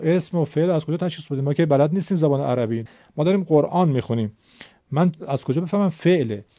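A man leads a recitation class, explaining each point patiently and politely, one step at a time. His voice sits a little high, with a mellow, dark tone. The recording is dull and lo-fi, and the sound is dry. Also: no room sound. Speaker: Quran recitation teacher.

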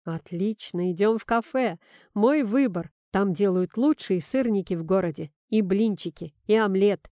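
A woman's voice: mid-range voice, normal speed, mellow, no echo, clean studio sound, close to an everyday voice. Woman voicing a breezy joking male friend. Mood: upbeat. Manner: breezy, teasing. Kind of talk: audiobook reading.

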